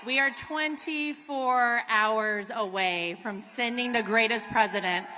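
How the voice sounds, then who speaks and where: A woman's voice: a little high, slow pace. An American woman giving an earnest political rally speech in a large venue. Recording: reverberant large venue, faint noise.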